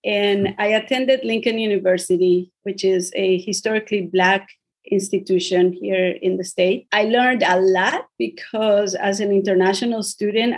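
A middle-aged woman from Colombia, a podcast guest telling her life story in a reflective way. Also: mid-range voice. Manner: reflective, storytelling with small restarts. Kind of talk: storytelling interview.

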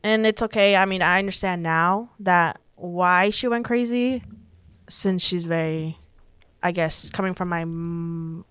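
A woman's voice: lowish voice, measured pace, fairly bright tone, smooth, no echo. Young woman, casual storytelling, resonant voice, dry room. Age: young adult. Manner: chatty, many "like" fillers, quoted dialogue. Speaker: podcast guest.

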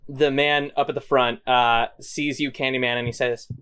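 A man's voice: mid-range voice, level tone, normal speed, bright, forceful tone, clean tone. Laid-back man running a tabletop game. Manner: loose, filler-heavy narration. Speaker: game master.

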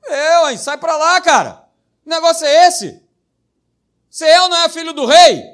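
A man's voice: extremely high pitch, big pitch swings, normal speed, a bit bright. A male pastor preaching a sermon, emphatic and repetitive, hammering single words and tossing in jokey asides.

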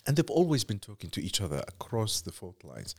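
A middle-aged man from Iraq speaks as an interview guest, his voice sitting low. He talks in measured, reflective sentences and works through lists of examples. He sometimes restarts a phrase before finishing it. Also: very animated, a little mellow, slightly rough. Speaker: journalist guest.

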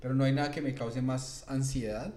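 A man's voice: mid-range voice, steady tone, brisk, mellow. A young man with a Colombian accent, hosting a comedy podcast and telling rambling stories with many restarts and casual swearing. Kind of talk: casual conversation, storytelling.

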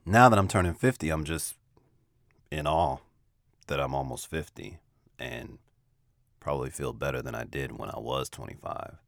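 A fifty-year-old man from the United States hosting a podcast, telling personal stories in a relaxed, self-deprecating, reflective way. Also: a bass voice, moderate pace, gravelly, pauses often, dry recording, studio quality. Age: 50s. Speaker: podcast host. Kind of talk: casual personal storytelling.

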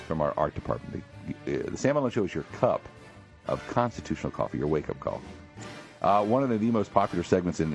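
A male radio show host in a morning talk show, animated and jokey, with a husky voice. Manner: animated, jokey, swings high for emphasis. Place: radio studio.

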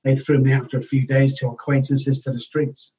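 A middle-aged Manchester man, a guest on an interview, tells candid stories about his own life in a mid-range, level voice that is brisk and warm. He speaks frankly and matter-of-factly, restarting sentences as he goes. The remote recording sounds distant and dull.

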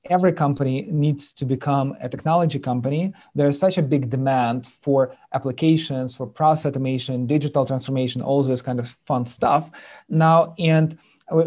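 A man with a Ukrainian accent talks as a podcast guest. His voice is dark and mellow, and his speech halts often with fillers and restarts while his pitch stays middling. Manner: halting, many fillers and restarts. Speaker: sales executive guest. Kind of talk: interview conversation.

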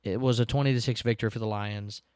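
A man's voice: on the low side, steady tone, fast talker, a little mellow, clear, resonant tone, dry recording, studio quality. A man, hosting a casual sports podcast, recapping games in a chatty, self-deprecating way and laughing now and then.

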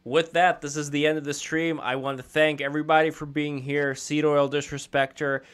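A man hosting a casual live-stream podcast, talking haltingly with many fillers. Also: a little high, flat delivery, clear, resonant tone. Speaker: podcast host.

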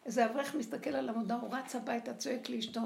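An older woman giving a lively spoken religious lecture, acting out the voices she quotes. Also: fairly high pitch, gravelly. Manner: animated, acts out quoted voices. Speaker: religious teacher. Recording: echoey room with faint noise.

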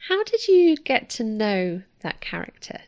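A woman's voice: on the high side, wildly swooping pitch, unhurried, a little mellow. A woman hosting an interview, friendly and agreeing, asking long searching questions. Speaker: interviewer, host. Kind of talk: conversational interview.

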